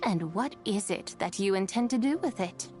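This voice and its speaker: A woman plays a haughty, sly, ancient horse spirit in a fantasy game cutscene, using teasing, archaic, formal speech with theatrical flair and a probing mood. Her natural voice is medium-pitched, expressive and darkish in tone, at normal speed, with music behind it.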